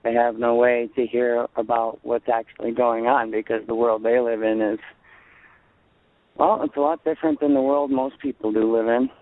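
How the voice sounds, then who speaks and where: A man's voice: medium pitch, fairly even intonation, normal speed, no echo. A man calling in to a radio show, talking earnestly and bluntly about standing his ground. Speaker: caller. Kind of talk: call-in radio talk. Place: outdoors in a parking lot. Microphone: phone. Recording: tinny phone line.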